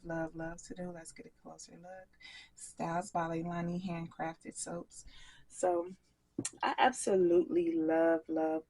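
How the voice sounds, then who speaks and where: A woman vlogger chats with her viewers while working with soap, unhurried and easygoing. Her voice sits a little low, with a husky grain and a gravelly edge. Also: darkish tone, poor audio. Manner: chatty, talks straight to viewers. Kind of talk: casual chat while crafting.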